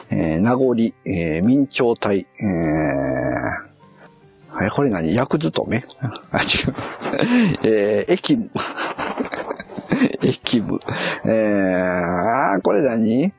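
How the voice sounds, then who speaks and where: A man's voice: fairly low pitch, big pitch swings, very slow, vocal fry, pauses often, husky, soft background music. A man on a casual live stream, muttering and puzzling aloud as he reads a kanji quiz and corrects himself.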